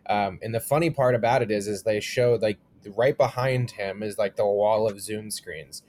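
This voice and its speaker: A young adult man, a comedian co-hosting a podcast, telling stories in an animated way and swearing freely. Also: lowish voice, moderate pace. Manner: animated storytelling, swears often. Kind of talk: casual chat.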